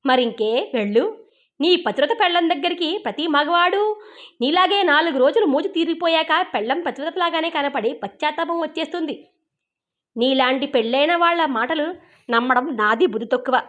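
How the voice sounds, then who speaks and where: A woman reading as a scornful, sharp-tongued young woman. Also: high-pitched, expressive, moderate pace. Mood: contemptuous. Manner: curt, dismissive retorts.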